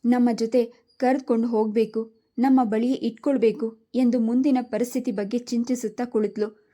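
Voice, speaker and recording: A woman slowly narrating an emotional family story in a measured way. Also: on the high side, flat delivery, warm tone.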